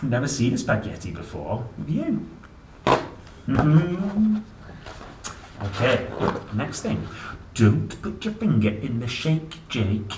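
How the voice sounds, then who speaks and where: Slow and pausing often, a male children's book reader and host performs a picture book for young children with theatrical playfulness, full of exclamations and questions to the audience. His pitch is medium but swings widely. The audio sounds roomy and noticeably noisy, captured from a distant microphone.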